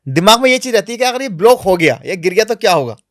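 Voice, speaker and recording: A man being interviewed on a podcast, telling travel stories in a lively, animated way, sometimes dropping to low, quiet asides. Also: fast talker, no room sound, studio quality. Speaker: travel vlogger guest. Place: podcast studio.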